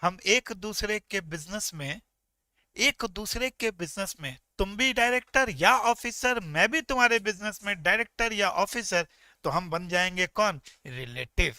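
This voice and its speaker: A male tax teacher giving an energetic, joking classroom lecture, talking straight to his students. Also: high-pitched, measured pace, smooth, dry recording.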